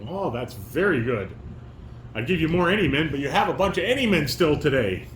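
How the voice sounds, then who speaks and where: In a slightly high, sing-song voice that's a bit bright and a little fast, a father runs a family table read. He directs and questions his child firmly, correcting as he goes, while the echoey room carries background noise.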